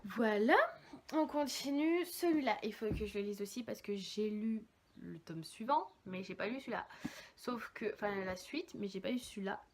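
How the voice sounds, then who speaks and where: A young woman chatting casually about books, lively and rambling, with many fillers and self-corrections. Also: mid-range voice, moderate pace, slight background noise. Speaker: book vlogger. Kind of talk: casual chat.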